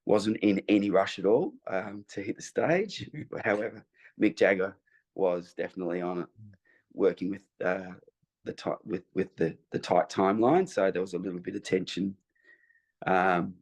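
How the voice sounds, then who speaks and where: A musician being interviewed, telling a long backstage story in a hesitant, rambling way. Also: male voice, sits low, gravelly, darkish tone. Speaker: guest musician. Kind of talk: interview anecdote.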